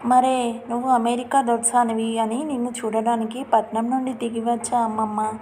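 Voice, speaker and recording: A bold young daughter-in-law answers back with cheeky wit in a storybook tale, voiced by a woman reader. Her voice is fairly high and mellow. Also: steady tone, measured pace, slight background noise. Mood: sassy. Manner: sassy, talks back.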